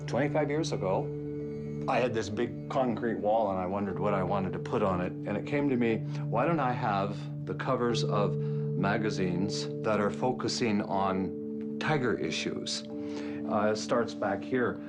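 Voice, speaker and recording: A man's voice: lowish voice, a little slow, loud music behind the voice. A middle-aged or older man giving a personal account as an expert in a documentary interview.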